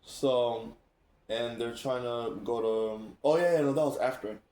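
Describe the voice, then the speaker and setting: A man hosting a casual chat, telling stories in an animated way, laughing and acting out what others said. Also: mid-range voice, measured pace. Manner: animated, laughing, acts out quoted speech. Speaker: streamer and host. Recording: roomy echo.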